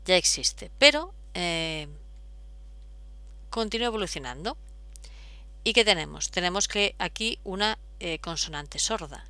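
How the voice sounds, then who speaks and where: Woman, teacher, step-by-step explaining, low-ish pitch, bright voice. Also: animated, unhurried, long pauses, dry recording. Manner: patient, step-by-step explaining with frequent fillers. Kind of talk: explaining at a whiteboard.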